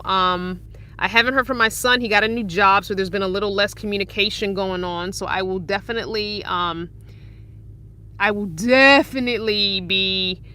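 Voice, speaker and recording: A bright, clear-toned woman in her forties chats away on a casual live stream from inside her parked van. She is upbeat and easygoing and breaks into laughter often as she answers viewers. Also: mid-range voice. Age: 40s. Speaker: van-life vlogger reading live chat.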